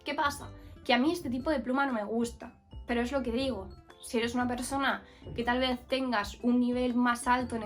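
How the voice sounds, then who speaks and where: A woman from Murcia, giving a casual, frank book review with many fillers and restarts. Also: a little high. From Murcia, Spain. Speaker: book vlogger.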